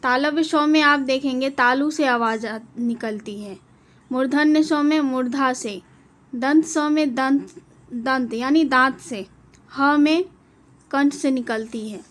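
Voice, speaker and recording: A woman giving a Hindi grammar lesson, spelling out each letter slowly and deliberately. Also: sits high, a bit bright. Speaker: teacher.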